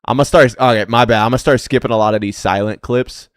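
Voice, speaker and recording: A man's voice: medium pitch, fairly even intonation, fast, no echo, studio quality. A young American man giving casual reaction commentary in laid-back, profane frat-bro slang, full of bro and dude. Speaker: host reacting to viewer-submitted skateboarding clips.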